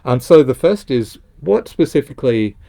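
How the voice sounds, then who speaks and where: A man's voice: mid-range voice, very animated, normal speed, vocal fry, warm tone. A man hosting a casual interview, asking questions with many hesitations and fillers. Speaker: interviewer, channel host.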